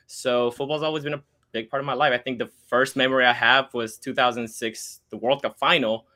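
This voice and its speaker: A man's voice: mid-range voice, steady tone, brisk, pushed and bright. A young man from Argentina, a podcast guest joining by video call, telling his story in an easygoing, earnest way. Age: 20s. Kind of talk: casual chat.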